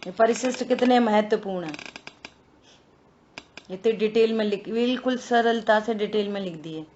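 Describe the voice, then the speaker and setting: A woman leading a religious scripture study in a lively conversational way, asking rhetorical questions and teasing her listeners. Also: medium pitch, moderate pace, a little hiss or hum. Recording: dull lo-fi recording.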